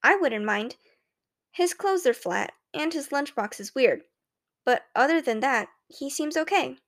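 High-voiced woman narrating an audiobook. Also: animated, a little slow, fairly bright tone. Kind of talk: scripted first-person audiobook narration.

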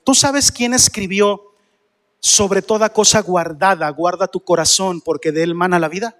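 A man's voice: high-pitched, normal speed, a bit bright, big-room sound. A male pastor, preaching a sermon and firing rhetorical questions at the congregation.

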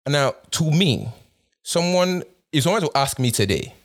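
A young Nigerian man, his accent blending Nigerian and North American influences, delivers a casual monologue in a fairly high, sing-song voice at a moderate pace. He talks conversationally, with lots of fillers and repeated restarts.

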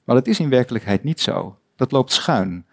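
A man in his forties giving a recorded lecture on psychiatry, calm and explanatory, telling stories to make his points. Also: mid-range voice, moderate pace.

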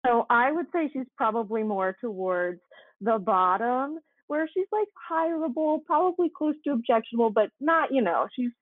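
A woman's voice: a little high, expressive, moderate pace, no echo. Sarcastic young woman over a tinny line. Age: 20s. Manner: sarcastic, chatty, lots of "like". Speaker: podcast co-host. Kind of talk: casual podcast chat.

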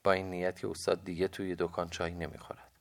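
A man reading a novel aloud in a calm, reflective first-person narration. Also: deep voice, gravelly. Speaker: audiobook narrator.

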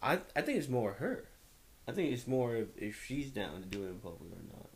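Animated young guy rambling in slang. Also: mid-range voice, brisk, a little hiss or hum. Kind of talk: casual chat.

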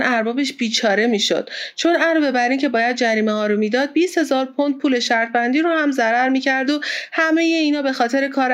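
A woman narrating an audiobook with steady, even storytelling. Her voice sits somewhat high for a woman.

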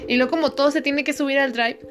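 A woman's voice: high voice, fairly even intonation, fast talker, soft background music. A young Mexican woman telling gossip in a casual chat, swearing freely and acting out dialogue. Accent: Mexican Spanish.

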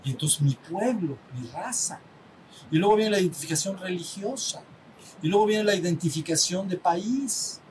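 Brief: Mexican man, spiritual teacher, higher voice, faint rumble behind, talks with a small group. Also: lively intonation, moderate pace, a little mellow, rough recording. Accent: Mexican Spanish. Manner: conversational, asks the group for assent, acts out little dialogues.

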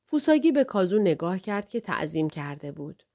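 Measured woman narrating an audiobook. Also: lowish voice, big pitch swings, a little mellow.

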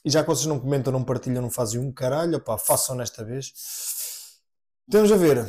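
A man's voice: mid-range voice, fast talker, warm tone. A man with a European Portuguese accent co-hosting a podcast, chatting casually and swearing freely. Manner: laid-back, swears often. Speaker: podcast co-host. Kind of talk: casual chat.

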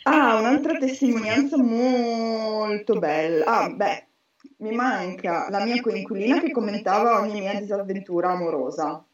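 A woman's voice: mid-range voice, measured pace. Female host, thirties, chatty and joking, casual group talk, roomy sound set back from the mic. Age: 30s. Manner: jokey, chatty. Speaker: host reading listener contributions. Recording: echoey, dull, distant mic.

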